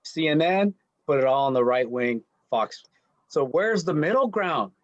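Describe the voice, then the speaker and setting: A man in a casual panel chat talks earnestly and leans on "you know" and "like". His voice sits a little high. The sound is dry and slightly dull. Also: expressive, measured pace, no echo. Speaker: panel guest.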